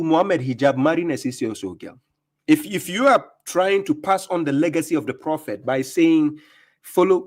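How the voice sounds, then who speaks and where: Ghanaian male streamer, mid-high lively voice, mocking, laughs a lot. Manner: laughs often, mocking and animated, repeats himself. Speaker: live-stream host reacting to clips. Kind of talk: mocking reaction commentary.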